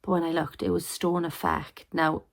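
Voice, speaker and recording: A tired young woman chatting softly to camera from her bedroom at night, often half-whispering in a sleepy, rambling way. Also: on the low side, flat delivery, normal speed, vocal fry. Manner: soft, rambling, sleepy talk with many ums. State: tired, yawning. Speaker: family vlogger.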